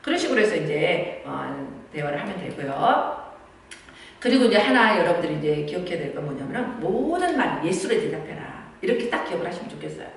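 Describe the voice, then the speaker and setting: Woman giving a parenting talk, lowish voice, far from the mic, lots of room echo. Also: big pitch swings, brisk. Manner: gentle, explanatory, often acts out parent and child lines. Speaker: parenting instructor. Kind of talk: lecture with acted-out dialogue examples. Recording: echoey room from far off with faint noise.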